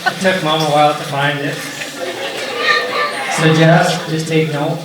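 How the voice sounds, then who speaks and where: A young Canadian man, the groom's older brother, gives a best man's toast full of light anecdotes, his slightly high voice level and unhurried. The mic sits far away in a large, very echoey reception room, and a loud crowd makes the distant recording noisy.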